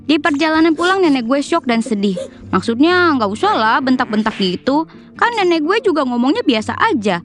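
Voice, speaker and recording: A woman narrating a family story in a chatty, slangy way, talking straight to her viewers. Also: on the high side. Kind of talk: casual storytime narration over mukbang video. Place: voice-over.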